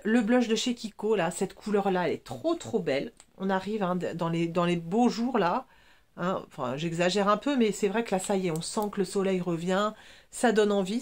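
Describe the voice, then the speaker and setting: With a mid-range, somewhat dark voice, a woman in her forties talks up her makeup products in a casual beauty-vlogger chat. She is chatty and excited, uses many fillers, and sniffles a little.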